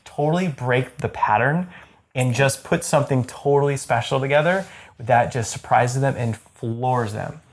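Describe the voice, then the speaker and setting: Guy in his 30s hosting, super pumped, rambly, lots of like and um, normal pitch. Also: normal speed. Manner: enthusiastic, rambling with frequent likes and restarts. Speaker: host. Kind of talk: casual chat to camera.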